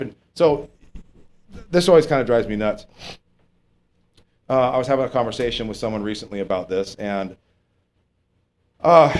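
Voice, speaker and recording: A man, a pastor, teaching a passage of scripture in a conversational way, often asking "okay?" and rising in pitch to stress his points. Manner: informal, keeps checking in with "okay?", rises in pitch on emphatic points.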